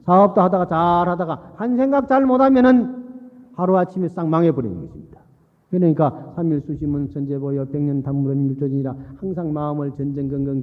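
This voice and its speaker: A Buddhist monk gives a dharma talk, a sermon with storytelling, in a fairly high voice. His manner is folksy; he repeats phrases for emphasis and checks in with listeners. The sound is muffled and tinny, like a phone, inside a big hall with long reverb.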